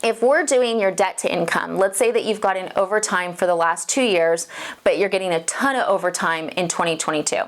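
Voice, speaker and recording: A woman's voice: fairly low pitch, brisk. Chatty woman loan officer explaining mortgages. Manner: chatty, emphatic, addresses viewers directly. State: slightly out of breath from a cold. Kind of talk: casual explainer video.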